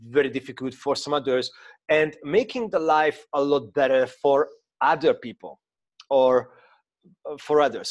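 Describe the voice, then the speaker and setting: A man in his thirties from Hungary with a Hungarian accent, explaining mindset ideas in an informal talk while sharing his screen, hesitant with many fillers and restarts. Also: medium pitch. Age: 30s. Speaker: mindset coach.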